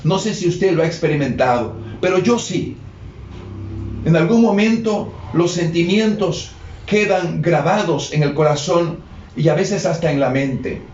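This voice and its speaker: High-voiced man preaching in an echoey room. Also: lively intonation, a little slow, a little mellow, a little hiss or hum. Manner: explains scripture, repeating key phrases to the listener. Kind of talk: sermon. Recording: echoey, dull lo-fi room recording.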